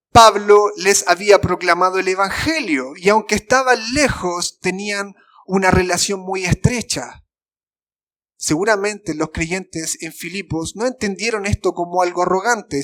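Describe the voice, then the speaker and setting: A man with a Chilean Spanish accent preaching a sermon as pastor, fervent and emphatic, sometimes dropping to soft, slow phrases. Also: high-pitched. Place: church sanctuary.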